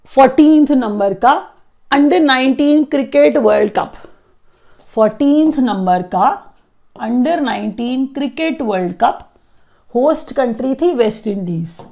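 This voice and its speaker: A woman's voice: high voice, vocal fry, darkish tone. A woman teaching an exam-prep current affairs lesson, explaining and repeating key facts so students memorize them.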